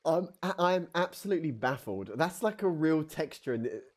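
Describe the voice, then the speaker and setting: British man, sweary and animated game streamer. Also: fairly high pitch, normal speed. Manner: sweary, incredulous, jokey. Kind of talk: casual gameplay commentary, reading game dialogue aloud.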